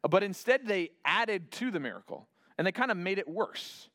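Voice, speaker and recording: A man's voice: high-pitched, lively intonation, normal speed, fairly bright tone, no echo, studio quality. A man casually retelling a Bible story as a lesson. He imagines the scene aloud and often restarts his sentences. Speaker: Bible teacher.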